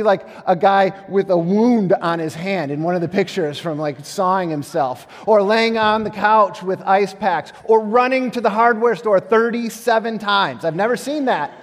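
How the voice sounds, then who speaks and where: A man in his thirties delivers a sermon in a church in a casual, self-deprecating way. His voice sits high for a man. The sound carries a long reverb from the hall. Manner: conversational, self-deprecating humor. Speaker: pastor. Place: church sanctuary. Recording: echoey hall.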